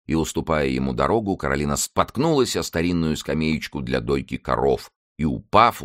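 Deep-voiced expressive male narrator. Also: no echo, clean studio sound. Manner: expressive storytelling. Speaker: audiobook narrator. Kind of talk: audiobook reading.

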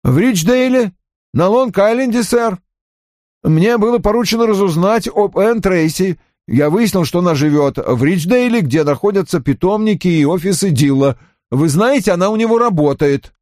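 A man's voice: high voice, lively intonation, normal speed, a little mellow, no room sound, clean studio sound, voice pushed up. Man voicing a fussy, wordy young assistant. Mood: earnest. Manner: long-winded, over-formal reporting. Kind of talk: audiobook character voice.

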